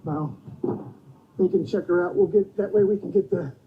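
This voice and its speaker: A man's voice: high-pitched, moderate pace. A man speaking as an on-duty police officer, recorded on a body camera. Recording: noisy, phone-like body camera audio.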